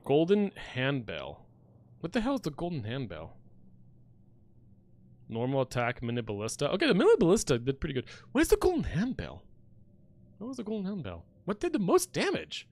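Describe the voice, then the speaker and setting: A gaming streamer with a voice on the high side talks fairly quickly, giving animated live gameplay commentary. He keeps addressing his viewers as friends.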